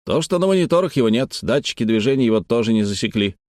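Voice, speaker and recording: A man's voice: mid-range voice, animated, quick pace, a little mellow, no room sound, clean studio sound, lightly acted. A man voicing a flustered, defensive male engineer reporting over a radio.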